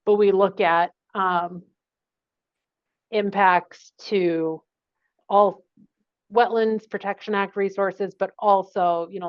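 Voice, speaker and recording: In a dull, lo-fi recording of a public meeting, a consultant walks a commission through her project. Her smooth voice sits fairly low, and she keeps things casual and friendly with plain, conversational wording.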